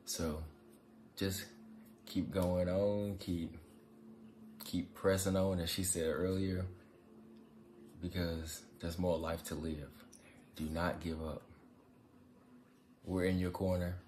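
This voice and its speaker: Deep voiced guy just chatting encouragement to the camera. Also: level tone, slow, long pauses, darkish tone, a little hiss or hum. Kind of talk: casual encouraging talk to camera. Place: living room couch, indoors.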